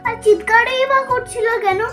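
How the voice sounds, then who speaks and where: Man doing a squeaky confused small child. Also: steady tone, normal speed, bright, forceful tone, faint music behind.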